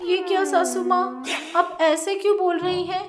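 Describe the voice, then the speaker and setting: A woman voicing a boastful, touchy young wife who complains dramatically in a shrill, whiny voice. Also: unhurried, echoey room. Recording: music playing underneath.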